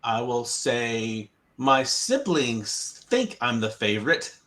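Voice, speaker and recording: A man's voice: medium pitch, sing-song, takes it slowly, pushed and bright. A man from the United States, tutoring English in casual conversation practice. He repeats the student's answers back patiently and chuckles often.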